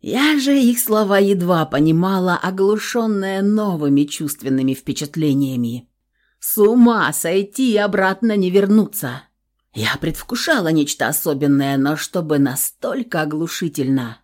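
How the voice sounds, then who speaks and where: Woman reading a novel aloud, lowish voice, steady and even. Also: moderate pace. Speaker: audiobook narrator. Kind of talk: first-person audiobook narration.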